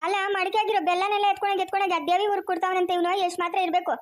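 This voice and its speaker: A woman's voice: very high voice, flat delivery, racing. A woman acting a bossy village housewife who scolds sharply in a family skit. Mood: scolding.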